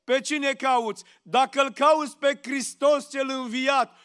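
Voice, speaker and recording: A man preaching a sermon in a church, slow and emphatic, asking rhetorical questions. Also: very high voice, steady tone, a bit bright.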